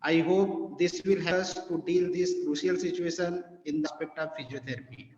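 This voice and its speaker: A man with an Indian English accent reads a formal vote of thanks over a video call. The sound is roomy with a long echo and faint ambience, and dull and lo-fi. His voice sits a bit high. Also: steady tone, moderate pace, a little mellow. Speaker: guest giving vote of thanks.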